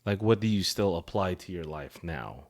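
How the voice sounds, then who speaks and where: A man's voice: low-pitched, animated, normal speed. A man in his thirties hosting a podcast, asking questions in casual chat, joking and laughing often. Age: 30s. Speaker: podcast host.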